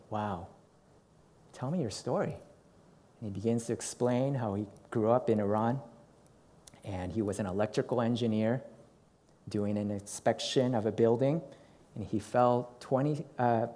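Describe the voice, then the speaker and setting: A man's voice: on the low side, warm tone. A middle-aged male pastor preaching a sermon, telling a personal story and acting out his own reactions.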